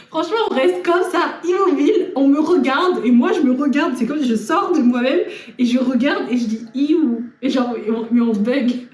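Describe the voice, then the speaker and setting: A young woman vlogger telling a personal story in an animated, laughing way. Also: high-pitched. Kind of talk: storytelling vlog. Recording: echoey room from far off, faint music.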